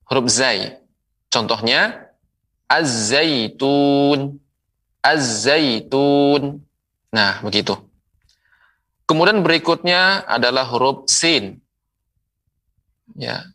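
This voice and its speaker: A man giving a televised Quran recitation lesson, drawing out each example word slowly and deliberately. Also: mid-range voice, pushed and bright. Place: television studio. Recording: voice slightly distant from the mic.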